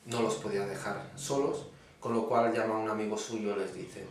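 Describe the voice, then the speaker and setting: Guy with a lowish voice telling jokes slow and dry, sounds far off the mic in a really echoey room. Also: level tone, slight background noise. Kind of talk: stand-up joke telling.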